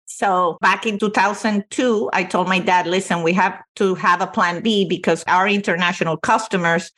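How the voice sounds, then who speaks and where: A woman's voice: lowish voice, steady tone, normal speed, fairly bright tone. A woman from Venezuela, a company CEO, telling her career story with earnest emphasis as a podcast guest. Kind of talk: podcast interview.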